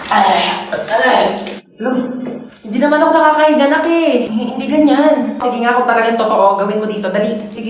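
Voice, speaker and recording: A woman doing comedic POV skits, playing every part herself with quick, bantering switches between characters. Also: fairly high pitch, slight background noise. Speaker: comedy skit performer.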